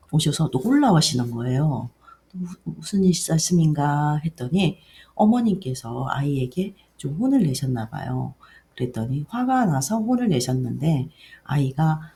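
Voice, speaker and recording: A middle-aged woman, a daycare director, earnestly explaining her program to parents, with sentence ends that trail off softly. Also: rumbling low, gravelly. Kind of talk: education briefing for parents.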